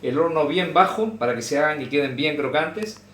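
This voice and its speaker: Man, slightly high voice, home cooking host, patient and self-correcting, recorded from across an echoey kitchen. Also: normal speed, fairly bright tone. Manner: patient, repeats and corrects himself. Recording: echoey room, mic far off.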